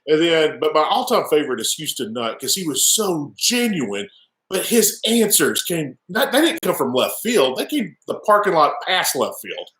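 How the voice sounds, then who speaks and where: A man hosting a casual sports talk show, excitable and stammering. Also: on the high side, moderate pace. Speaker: host. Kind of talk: casual interview chat. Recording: echoey room.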